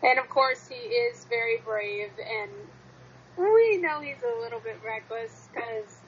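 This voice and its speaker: A woman's voice: on the high side, lively intonation, measured pace, dull audio, a little hiss or hum. A woman chatting casually as a guest in a fan discussion.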